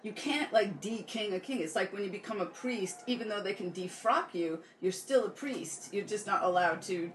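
A woman in a casual literary discussion, explaining points in an animated way. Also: medium pitch, normal speed, hardly any pauses, a little hiss or hum. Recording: echoey room.

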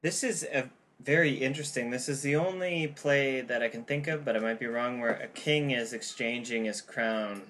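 A man's voice: mid-range voice, moderate pace, fairly bright tone. A man in a casual literary discussion, musing with hesitant restarts.

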